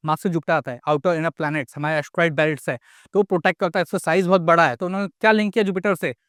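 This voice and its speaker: A man's voice: fairly high pitch, fairly even intonation, rapid-fire, a bit bright, no room sound, studio quality. A young Indian man giving a casual astrology lecture, mixing English into his speech and asking rhetorical questions. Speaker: astrology teacher.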